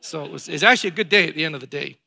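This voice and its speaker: A pastor preaching a sermon to his congregation, emphatic and building to loud exhortation. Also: fairly high pitch, very fast, vocal fry.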